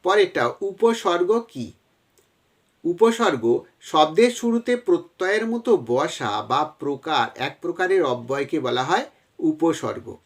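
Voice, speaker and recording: A man's voice: a little high, very animated, takes it slowly. A man teaching a grammar lesson to exam students, explaining step by step and addressing them directly, with a West Bengal Bengali accent.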